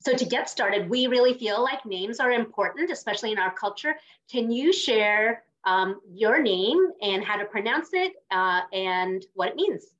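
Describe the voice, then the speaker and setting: A woman's voice: mid-range voice, lively intonation, moderate pace, fairly bright tone. Woman podcast host on a muffled call. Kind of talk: reading an intro, then interviewing. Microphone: video call. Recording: dull lo-fi video call audio.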